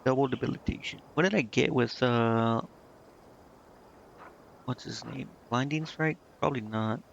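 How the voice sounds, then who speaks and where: This streamer's medium-pitched male voice moves a little slowly. He muses through casual gameplay commentary, asking himself questions as he reads menus, and the sound comes from a muffled lo-fi mic with clear background noise.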